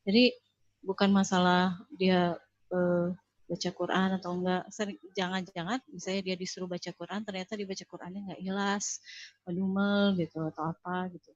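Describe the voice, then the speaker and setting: A woman's voice: on the low side, little pitch movement, moderate pace, no echo, dull audio. Earnest woman teaching parents. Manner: earnest, instructive, addresses parents directly. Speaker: parenting speaker. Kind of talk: webinar talk.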